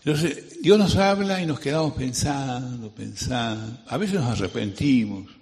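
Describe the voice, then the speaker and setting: Rambling Rioplatense preacher in an echoing hall. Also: male voice, mid-range voice, animated, a little slow, darkish tone. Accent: Rioplatense Spanish. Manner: digressive, full of tag questions and anecdotes. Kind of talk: conversational sermon. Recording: long reverb of a hall.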